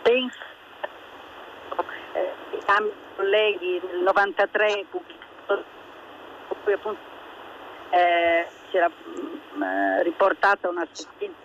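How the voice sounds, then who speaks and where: A woman calling in as a guest expert over a phone line, explaining research hesitantly with many pauses and restarts. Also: mid-range voice, fairly even intonation. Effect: heard over a phone line. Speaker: guest expert on a radio call-in. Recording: dull phone line with faint noise.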